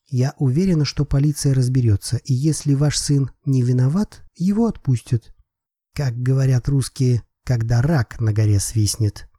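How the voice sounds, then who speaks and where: A man's voice: mid-range voice, normal speed, no room sound, close to an everyday voice. A man reading an audiobook voices a composed woman private detective who speaks politely and with dry irony. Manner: calm, polite, slightly ironic.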